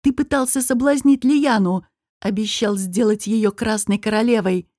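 A woman voicing a furious young male prince who shouts in rage. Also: a little high, moderate pace, no echo, studio quality, lightly acted. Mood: indignant. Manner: shouting, enraged.

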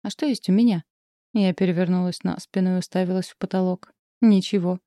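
A woman narrating a first-person storybook with lively storytelling. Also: fairly low pitch, a little fast, no room sound, clean studio sound. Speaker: audiobook narrator.

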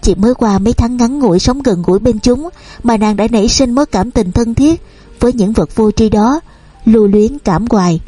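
A woman reads a novel aloud in a steady storytelling voice. Her tone is mellow and on the high side. The recording is dry and close, with faint music underneath. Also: normal speed, breathy edge, dry recording. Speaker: audiobook narrator. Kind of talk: scripted story narration.

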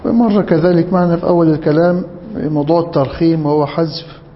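An Egyptian sheikh with a high voice teaching a grammar lesson, repeating each example slowly and reciting verses aloud. His voice rings with a long hall reverb and comes through a dull, lo-fi recording. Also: a little hiss or hum. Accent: Egyptian Arabic. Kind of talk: classroom lesson explaining grammar.

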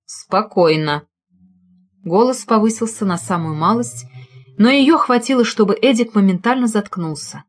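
A woman narrating an audiobook in a steady, expressive storytelling manner. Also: on the high side, moderate pace. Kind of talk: scripted narration.

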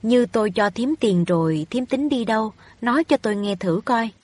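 A woman's voice: a little high, expressive, moderate pace, darkish tone, no room sound. A woman voicing a haughty wealthy young woman in a storybook reading, scolding and overbearing. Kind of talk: audiobook reading of a novel.

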